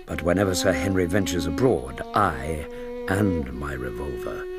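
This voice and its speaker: An actor playing an earnest, loyal English gentleman doctor in a radio drama, grave, measured and well-spoken. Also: deep voice. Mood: grave, brooding. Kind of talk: radio drama acting with narrated letters. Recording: radio drama with music behind.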